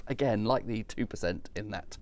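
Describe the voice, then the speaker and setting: A man's voice: on the low side, normal speed, darkish tone, dry recording. A man giving casual, sommelier-like wine tasting commentary in a thoughtful, descriptive way. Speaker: wine reviewer.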